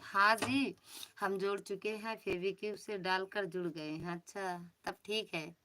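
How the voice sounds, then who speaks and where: Awadhi woman live streamer, teasing and chatty, crisp bright voice, greets viewers one by one. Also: mid-range voice, steady tone, unhurried, slight background noise. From Uttar Pradesh, India. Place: home.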